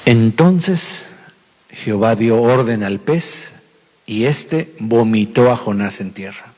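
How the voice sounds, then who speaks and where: A man's voice: on the low side, slow. A male pastor, preaching a sermon and telling the story with acted-out voices. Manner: lively storytelling, acting out dialogue. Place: church. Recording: long hall reverb.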